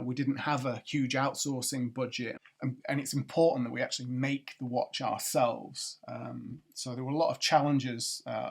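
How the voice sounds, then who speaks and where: A man's voice: medium pitch, gravelly. A middle-aged man, founder of a watch brand, talking casually over a screencast, rambling with many ums and restarts. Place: at a computer doing a screencast.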